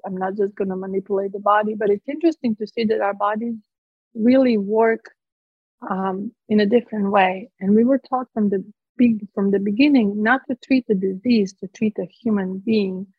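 A Croatian physician in her forties, speaking with a Croatian accent, earnestly explains her approach while answering interview questions conversationally, often using fillers and restarting. Her mid-range voice keeps fairly even intonation at normal speed, with a breathy edge. The recording is dull, dry and slightly lo-fi.

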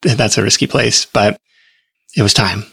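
A man speaking as a guest in a casual interview, telling his story in a relaxed, rambling way with plenty of fillers. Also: lowish voice, a little slow, gravelly, slightly rough, no echo, clean studio sound.

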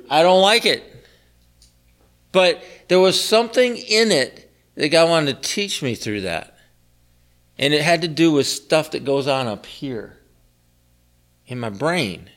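A man's voice: a little high, expressive, unhurried, pauses often, fairly bright tone. A middle-aged man leading a small group bible study, teaching earnestly with repeated phrases and rhetorical questions. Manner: earnest, repetitive preaching cadence with rhetorical questions.

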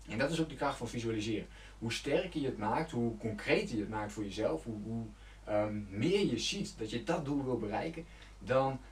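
A man talks viewers through goal-setting like a coach, earnest and direct, correcting himself and filling pauses as he goes. He stands back from the mic, and the room around him rings. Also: medium pitch, darkish tone, reverberant, recorded from a distance. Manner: loose and conversational, with fillers and self-corrections. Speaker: self-help coach. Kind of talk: motivational talk to camera.

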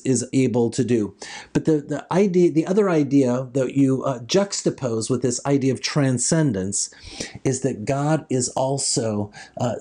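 Preacher, mellow dark tone, medium pitch, explanatory sermon delivery, scripture reading, frequent rephrasing.

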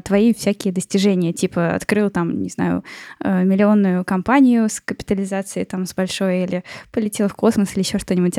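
Woman cohost chatting loosely, lots of ums, warm mellow tone, dry close sound. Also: medium pitch, no echo. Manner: relaxed, thinking aloud with many fillers. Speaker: podcast co-host. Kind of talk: casual discussion of an article.

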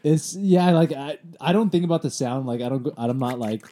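Dark-voiced man, slangy laid-back drawl. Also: medium pitch, brisk. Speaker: podcast co-host. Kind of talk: casual crude banter.

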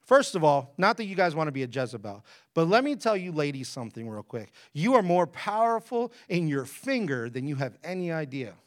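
A man preaching a lively, conversational sermon, retelling a Bible story with jokey asides. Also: on the high side, a little fast, few pauses.

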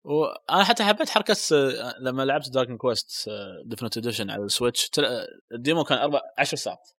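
A man co-hosting a casual gaming podcast, chatting with excited, quick-fire remarks. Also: medium pitch, no echo, studio quality. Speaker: podcast co-host.

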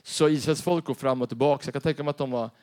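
A man preaching a sermon in a church, animated and storytelling, acting out characters as he goes. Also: mid-range voice. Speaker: pastor.

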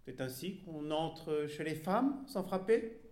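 A man's voice: on the high side, animated, takes it slowly, darkish tone. A man reading aloud voicing a coy, teasing bourgeois wife who simpers and reproaches playfully. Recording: roomy echo.

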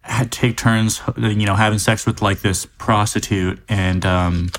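A man co-hosting a podcast, casually recapping movie scenes in a relaxed way with frequent fillers. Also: on the low side, unhurried. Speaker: podcast co-host. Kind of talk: casual chat about a movie.

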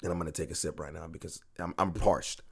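A man's voice: sits low, steady tone, fast, creaky, husky. A man hosting a sports podcast from his home podcast room, ranting in agitated bursts, repeating himself and swearing freely.

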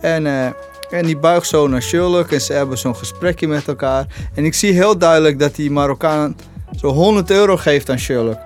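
A man's voice: a little high, moderate pace, faint music behind. A man co-hosting a podcast, telling stories in loose, slangy casual chat. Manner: loose storytelling, slangy, animated retellings. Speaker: podcast co-host.

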